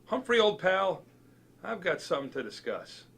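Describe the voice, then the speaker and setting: A man's voice: high-pitched, sing-song, normal speed, creaky, a bit bright, husky, pitched above the performer's own voice, exaggerated voice. A man reading aloud voices an earnest, eager adult male custodian from a children's story.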